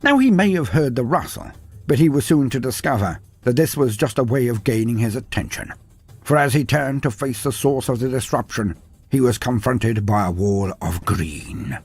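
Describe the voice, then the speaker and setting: A man narrates fantasy lore videos with dramatic, grandiose flair, following a script. His mid-range voice is expressive, darkish, and husky at normal speed, captured with no echo and set against background music.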